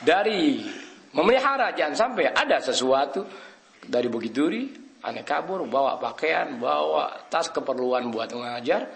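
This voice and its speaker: A man's voice: a little high, normal speed, vocal fry. A middle-aged man tells a story in a sermon, laughing often and acting out the people in it. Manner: animated, switches into voices of people in his story; laughs often, mixes Arabic-derived words. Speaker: preacher.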